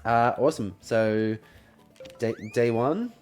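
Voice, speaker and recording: A man's voice: medium pitch, takes it slowly, a little mellow, soft background music. Stammering, jokey man on a gaming livestream. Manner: stammers and repeats words, jokey. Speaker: livestream co-host. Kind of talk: casual livestream gaming chat.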